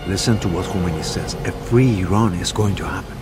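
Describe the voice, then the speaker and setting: Guy doing a low earnest rebel in a video game, music behind. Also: a little fast, lightly acted. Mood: urgent.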